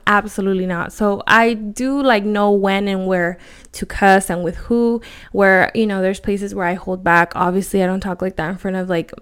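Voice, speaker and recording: A woman's voice: mid-range voice, smooth. A woman in her thirties hosting a casual solo podcast, chatting loosely with many "like" fillers and dropping Spanish words. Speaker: podcast host.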